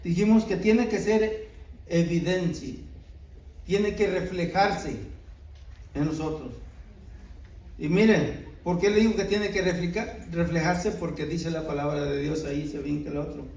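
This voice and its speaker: A man's voice: on the high side, fairly even intonation, measured pace, darkish tone, distant mic. A middle-aged man preaching a sermon in earnest, often asking his listeners "¿verdad?". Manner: earnest, many rhetorical "¿verdad?" asides. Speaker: pastor. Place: church. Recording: echoey church hall, voice from off-mic.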